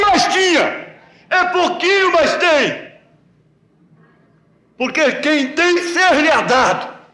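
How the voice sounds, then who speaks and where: A man's voice: high-pitched, fairly bright tone. A man with a Brazilian Portuguese accent preaching a sermon in a large church, with an emphatic, repetitive cadence. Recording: echoey church archive recording.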